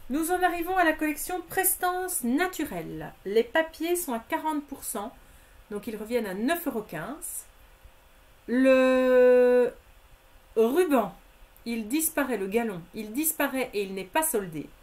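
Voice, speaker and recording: A woman's voice: sits high, big pitch swings, moderate pace. A woman presenting craft products in a live stream, methodically listing discounts and prices and speaking familiarly to her viewers.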